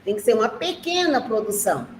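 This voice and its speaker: A woman with a Brazilian Portuguese accent teaching a remote class for young children, patient and explaining slowly, often checking in with short questions. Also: a little high, sing-song, darkish tone. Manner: slow, patient, explaining, with frequent "né?" and "tá?". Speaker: primary school teacher. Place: classroom at school. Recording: echoey room with faint noise.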